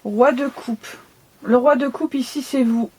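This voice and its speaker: A woman talks with a lisp from her new braces in a fairly high, very mellow voice. She reads tarot cards casually, explaining as she goes and checking that you follow. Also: fairly even intonation, a little slow, slightly rough. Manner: conversational, explanatory, often checks listener follows. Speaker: tarot card reader. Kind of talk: casual monthly tarot reading to viewers.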